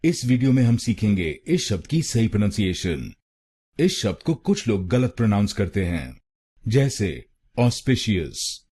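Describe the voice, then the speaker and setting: A man with an Indian accent giving a scripted pronunciation lesson, spelling out syllables and repeating each one in a measured way. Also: fairly low pitch, very animated, mellow, husky. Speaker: pronunciation teacher.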